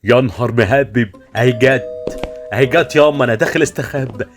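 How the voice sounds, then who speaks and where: A man's voice: medium pitch, brisk, over music, close to an everyday voice. A man playing Turki, a cowardly, teasing mama's boy. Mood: nervous. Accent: Egyptian Arabic. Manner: whiny, evasive, nervous. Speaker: radio drama actor. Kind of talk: comic radio serial acting.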